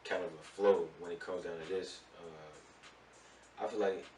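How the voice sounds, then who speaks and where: A man who manages music artists, talking in a rambling, relaxed way full of fillers during a casual radio interview. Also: low-pitched, measured pace. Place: radio studio. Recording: roomy distant mic with faint noise.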